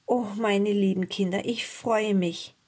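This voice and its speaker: A woman voicing a poor old woodcutter father in a fairy tale, speaking slowly in a hushed, moved way. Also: medium pitch, fairly even intonation, husky. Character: poor older woodcutter father, tender and grateful.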